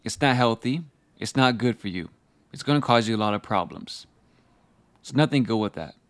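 A man delivering a motivational speech as a speaker, blunt and forceful, hammering out short emphatic phrases. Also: on the low side, lively intonation, moderate pace, no echo.

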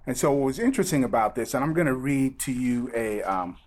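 A pastor delivers a sermon in a mid-range, fairly quick voice, reading from scripture before turning to the congregation and speaking in a lively, conversational way.

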